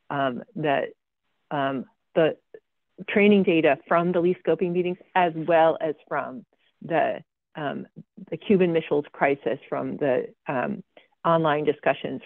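A woman's voice: low voice, creaky, dry recording. A woman giving a slide presentation about her research. She talks with frequent ums and dry, sarcastic asides. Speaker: guest speaker presenting research. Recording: tinny phone-like video call audio, dry.

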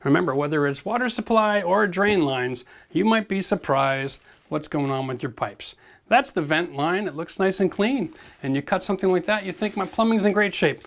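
A man's voice: high-pitched, animated, normal speed, vocal fry. A man in his forties hosting a renovation show, giving a direct, practical how-to demonstration from a gutted bathroom. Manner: direct, practical, addresses viewers as folks. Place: gutted bathroom in an old brick building, indoors.

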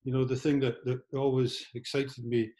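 A Scottish man in his fifties, an artist giving a casual talk over a video call from a large studio, speaking haltingly with many restarts. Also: mid-range voice, level tone, mellow, poor audio. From Scotland. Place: large converted church studio, indoors. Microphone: laptop camera, video call.

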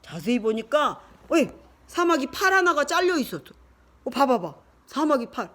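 An older woman, a grandmother, reading a picture book to her grandchild, lively and chatty with little asides. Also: high voice, normal speed. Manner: animated, shifting into character voices and asides.

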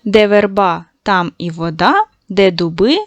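A woman teaching a recorded lesson to young schoolchildren, patient and encouraging, slowly stretching out sounds to show how they are said. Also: medium pitch, no echo, lo-fi sound. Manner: praising, addresses children directly.

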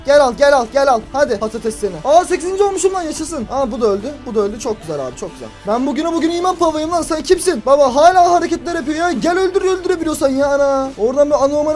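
A man with a very high voice hosts a gaming video, commenting excitedly on his play as he shouts and groans at the game and tosses mock insults at opponents.

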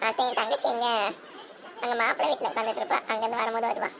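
A woman voicing a family cartoon, talking in an animated way with dramatic exclamations. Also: on the high side, rapid-fire, creaky, crowd noise. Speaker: cartoon channel voice actor. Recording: steady background hiss.

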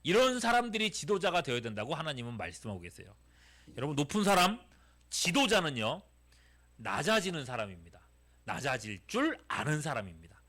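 A middle-aged pastor preaches to a youth group in a high, bright voice. His pitch swings widely as he keeps putting questions to the students and answering them himself. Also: brisk. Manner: animated, asks the audience many questions. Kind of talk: sermon to teenagers.

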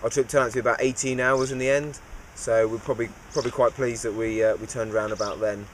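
Over a noisy background, a cave diver recaps his dive for an interview in a quick, mid-range voice. He keeps it relaxed and understated, using many "uh" fillers.

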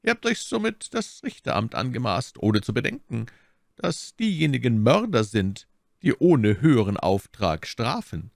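A man's voice: a little high, big pitch swings, normal speed, creaky, no echo, clean studio sound, pitched above the performer's own voice, exaggerated voice. A man doing a stern, imperious old cardinal. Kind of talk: audiobook character voice.

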